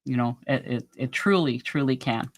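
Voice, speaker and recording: A woman's voice: rumbling low, moderate pace. A woman hosting a casual live stream who answers viewer comments in an encouraging way. She often restarts and repeats her words, and says she is losing her voice.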